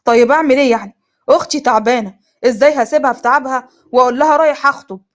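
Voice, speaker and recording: امرأة تؤدي دور شاب متهرب وغير مبالٍ، بلهجة مصرية. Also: female voice, high-pitched, racing, close to an everyday voice. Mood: dismissive. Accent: Egyptian. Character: evasive careless young boyfriend.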